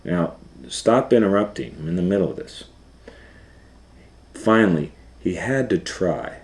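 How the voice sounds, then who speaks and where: A man acting as storytime host reads a children's story aloud, stopping now and then to explain things simply and conversationally. His voice is low and expressive.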